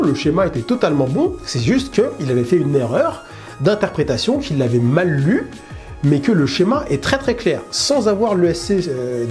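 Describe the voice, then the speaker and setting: A man's voice: a little high, mellow. A man with a Parisian accent and a blocked nose, chatting in a casual drone-building vlog with many fillers and restarts. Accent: Parisian French. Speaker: FPV drone YouTuber.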